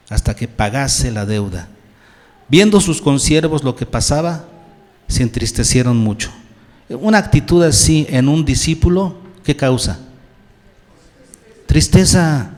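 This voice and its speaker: A man's voice: a little high, a little mellow, in a large hall. A male pastor preaching a sermon, putting questions to his congregation and answering them himself. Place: church.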